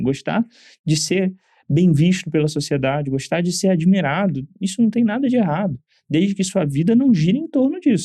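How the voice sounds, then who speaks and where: A Brazilian man with a Brazilian Portuguese accent, co-hosting a podcast in a quick, emphatic, opinionated way. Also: fairly high pitch, mellow, dry recording, clean studio sound. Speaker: podcast co-host. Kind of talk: casual podcast chat.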